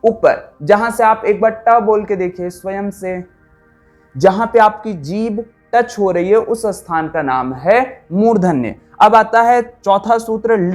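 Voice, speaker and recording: A man's voice: sits high, darkish tone. A man teaching a spoken lesson, sounding out letters one by one and asking questions that he answers himself. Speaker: Sanskrit teacher.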